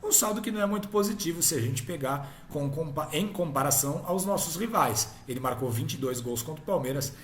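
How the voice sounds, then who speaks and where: A man's voice: on the high side, reverberant, slight background noise. A man hosting a casual football history talk, chatty and often ending his points with tag questions. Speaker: host.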